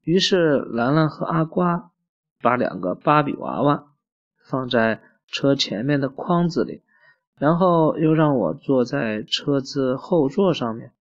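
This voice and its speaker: A man's voice: medium pitch, animated, measured pace. A man reading a children's story aloud in a plain way, with small slips and self-corrections. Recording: muffled lo-fi recording.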